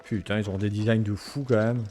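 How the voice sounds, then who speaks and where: A man's voice: lowish voice, fairly even intonation, fairly quick, dark tone, faint music behind. A man hosting a video game let's play, rambling and swearing playfully as he keeps interrupting himself mid-sentence. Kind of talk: casual gameplay commentary.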